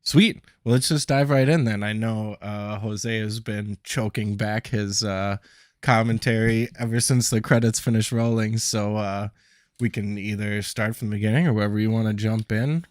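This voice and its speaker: A man's voice: on the low side, normal speed, no room sound, studio quality. Laid-back man hosting a podcast. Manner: relaxed, filler-heavy, friendly moderating. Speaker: podcast host. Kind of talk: casual podcast discussion.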